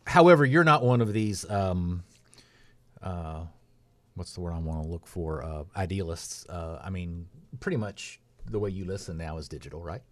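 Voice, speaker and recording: A man with a low voice hosts a casual interview. His questions wander, and he trips over fillers and restarts before he gets to the point. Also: expressive, moderate pace, no echo. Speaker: host. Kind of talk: conversational interview.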